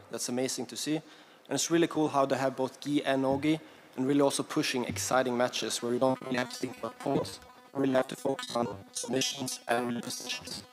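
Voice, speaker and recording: A man talks fast and upbeat at a press conference, repeating "really" again and again. Music plays clearly behind him. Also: mid-range voice. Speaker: athlete. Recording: music in the background.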